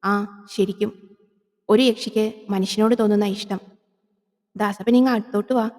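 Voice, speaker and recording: A woman plays a vengeful female yakshi spirit who lures men with slow, coaxing, intimate speech. It is a horror audio drama, and the voice rings with a long hall reverb. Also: medium pitch, fairly even intonation, darkish tone, close to an everyday voice. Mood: luring.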